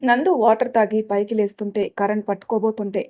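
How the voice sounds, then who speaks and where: A woman storyteller giving a steady, expressive audiobook narration. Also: medium pitch, a little fast.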